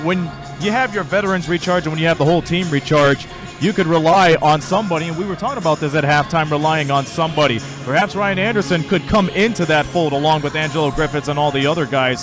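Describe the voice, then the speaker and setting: A man's voice: a little high, fast. A man giving colour commentary on a sports broadcast in a discursive, opinionated way. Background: arena music.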